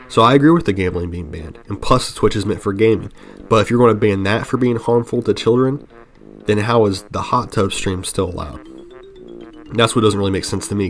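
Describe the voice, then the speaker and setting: Young man, low flat voice, earnest rambling commentary, faint music underneath. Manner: earnest, rambling, with frequent restarts. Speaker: gaming commentary channel host. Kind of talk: opinion commentary over gameplay.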